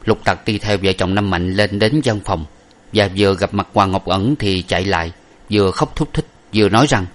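A man reading a novel aloud as narrator, in a steady, even storytelling manner. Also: deep voice, fairly quick.

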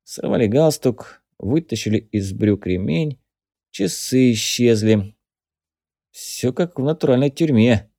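A man narrating an adventure novel as an audiobook in a steady, measured reading. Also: mid-range voice, gravelly, dry recording, studio quality. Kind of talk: scripted narration.

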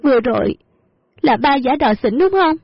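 A woman's voice: sits high, animated, normal speed, gravelly, husky, dry recording, voice pushed up, exaggerated voice. A woman voicing a devoted young teenage girl who pleads earnestly, in a dull lo-fi audio story with faint music behind. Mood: pleading.

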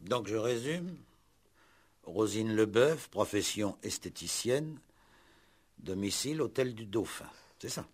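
In a 1960s French radio play, a male actor voices a dryly sceptical police commissioner who probes with curt, methodical questions, grunts and short prompts. His voice is fairly low and animated, and he takes it slowly. A little hiss or hum sits under the recording.

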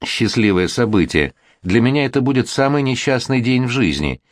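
A man's voice: medium pitch, sing-song, moderate pace, no echo, pitched above the performer's own voice, lightly acted. A man voicing an unhappy young woman who dreads her wedding, in a read-aloud storybook. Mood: gloomy. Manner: pleading, gloomy. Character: sad reluctant young bride-to-be, quiet.

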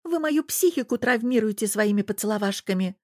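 A woman voicing an emotional young woman, pitched higher and quick to get upset. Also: no room sound, clean studio sound, close to an everyday voice. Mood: excited, tearful. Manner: higher, excitable, near tears.

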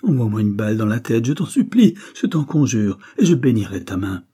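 A man voicing a terrified male bandit captain who begs and cries out, frantic and rising in pitch. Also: normal speed, warm tone, breathy edge, close to an everyday voice. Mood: terrified pleading.

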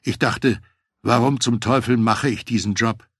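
A man reading a first-person memoir aloud, telling the story in a measured, reflective way. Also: mid-range voice, steady tone, a bit bright, husky, no room sound, clean studio sound. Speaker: audiobook narrator.

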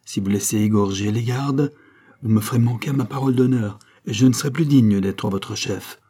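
A man's voice: medium pitch, moderate pace, dark tone, breathy edge. A man voicing a dignified general in an audiobook, addressing troops in a formal, declaiming way. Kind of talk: audiobook character reading.

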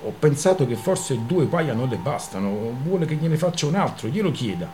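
A man doing a smooth-talking merchant suitor. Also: mid-range voice, big pitch swings, normal speed, dark tone, soft background music, lightly acted. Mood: persuasive. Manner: persuasive, ingratiating.

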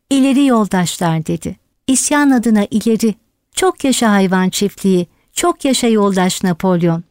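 A woman's voice: mid-range voice, darkish tone, dry recording, studio quality, close to an everyday voice. A woman voicing a sly male pig who speaks in a solemn, persuasive way. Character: sly smooth-talking male pig propagandist.

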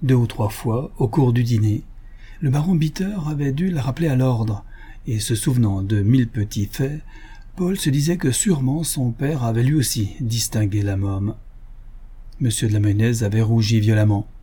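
A man reading a literary novel aloud as an audiobook narrator, lifting his pitch slightly for the characters' lines. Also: normal speed, dark tone, husky. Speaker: audiobook reader.

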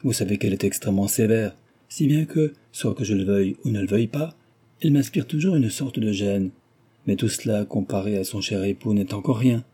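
A man's voice: lowish voice, brisk, mellow, slightly rough. A man reading aloud, voicing a frivolous, gossiping young aristocratic lady who talks flippantly and teases. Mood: flippant chatter. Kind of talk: audiobook character reading.

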